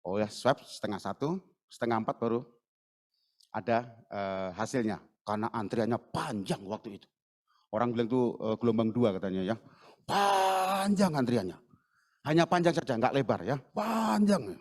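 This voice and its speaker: Lively man preaching a story sermon. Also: mid-range voice, normal speed. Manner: lively storyteller, acts out dialogue in raised voices. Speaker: pastor. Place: church service.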